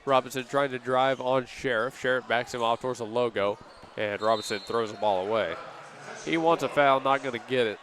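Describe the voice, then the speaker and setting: Man calling a high school basketball game. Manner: steady play-by-play, casual asides and quick self-corrections. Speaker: play-by-play announcer. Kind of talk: radio basketball commentary.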